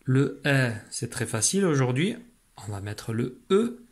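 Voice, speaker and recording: A man's voice: medium pitch, very animated, a little slow. A man teaching a spelling dictation lesson, speaking patiently, repeating each syllable and sometimes whispering it. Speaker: primary school teacher.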